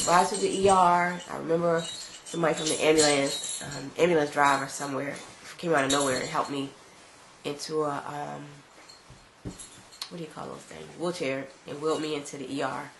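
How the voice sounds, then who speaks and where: In a low register with vocal fry, a vlogging mom with a congested voice casually relates a personal tale at a normal pace, acting out what each person said. The recording carries an echo and faint background noise.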